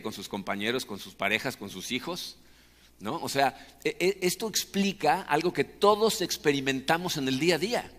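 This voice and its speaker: Preaching in a Mexican accent, this man has a mid-range, fairly bright voice. His sermon is chatty and explanatory, sprinkled with quick tag questions seeking agreement, all echoing with long hall reverb.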